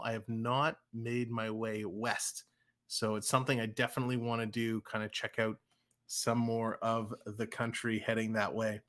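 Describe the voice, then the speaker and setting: A Toronto-area man with a Canadian accent hosts a livestream, giving casual play-by-play while chatting with viewers. His medium-pitched voice is bright and forceful, and he's chatty, reading chat aloud and laughing easily.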